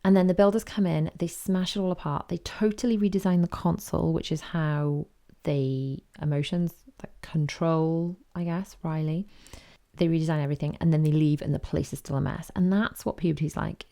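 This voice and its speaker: Brief: woman podcast host, chatty storyteller, low and gravelly, mellow tone. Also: moderate pace. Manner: chatty, animated retelling with quoted voices. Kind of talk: casual chat.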